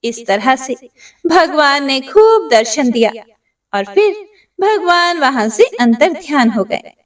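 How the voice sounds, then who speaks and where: A woman narrating a devotional story in a gentle way, addressing devotees directly. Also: high-pitched, big pitch swings, slow. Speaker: religious storyteller. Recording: voice distant from the mic.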